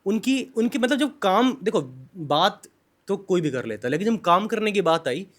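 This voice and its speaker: Host voice: a man with a fairly high voice, asks pointed questions and murmurs along while he listens. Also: lively intonation, normal speed. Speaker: podcast host. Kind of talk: interview questions.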